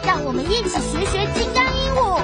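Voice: very high-pitched, very animated, brisk, over loud music. A performer playing an eager, upbeat young boy animal rescuer in a children's cartoon, encouraging viewers and mixing in English words. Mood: excited, cheering. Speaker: host guiding child viewers. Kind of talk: animated children's show dialogue, addressing viewers.

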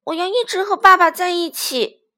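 A woman voicing a stubborn, tearful little boy ankylosaurus in a children's storybook, in a loud, high, pleading child's voice. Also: moderate pace. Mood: determined.

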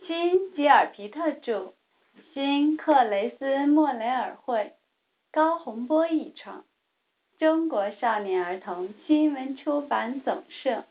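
A woman reading a children's picture book aloud, in a slow, gentle storybook manner, recorded on a tinny phone-like line. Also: sits high, expressive.

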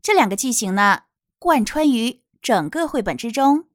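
A woman teaching English pronunciation from a picture book, explaining slowly and demonstrating words. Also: fairly high pitch, animated, no room sound, studio quality.

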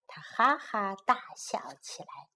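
A woman teacher reads a children's story gently and slowly with clear enunciation, switching between two languages line by line. Her voice is on the high side, with lively intonation.

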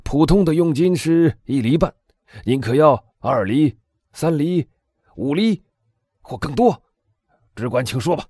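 An excitable middle-aged prison inspector bursts out in a raised, loud voice, as a man reads him aloud. His pitch sits far above the reader's own, dry and close. The audiobook delivery is eager and exclaiming. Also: normal speed, no echo. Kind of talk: audiobook dialogue reading.

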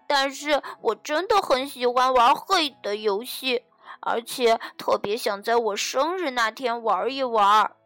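A woman's voice: a little high, a little slow, no room sound, soft background music. A woman doing a bouncy, mischievous bunny boy. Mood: sorry, sniffly. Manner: bouncy, shouting with glee. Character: mischievous young male bunny, loud and excitable.

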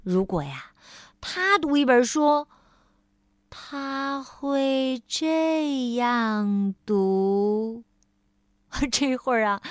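A woman reading a storybook aloud to children, gentle and drawn-out, as a storyteller. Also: a little high, no room sound, clean studio sound.

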